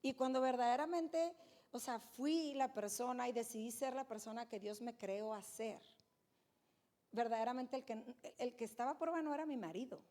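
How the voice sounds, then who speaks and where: A middle-aged woman, giving an animated, emphatic faith testimony as a guest speaker and turning often to her audience. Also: fairly high pitch, moderate pace.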